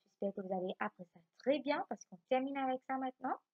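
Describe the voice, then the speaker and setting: Patient Mauritian French schoolteacher. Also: female voice, high-pitched, lively intonation, phone-quality sound. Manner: slow, patient explaining with frequent checks for understanding. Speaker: primary school teacher. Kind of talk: recorded remote lesson. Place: home.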